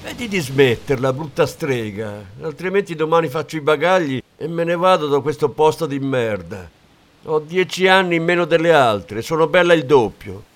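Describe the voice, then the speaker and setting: A man reading an audiobook, voicing a brash young woman who is foul-mouthed and fierce in a raised, sharp voice. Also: on the low side, lively intonation, a little slow. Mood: furious.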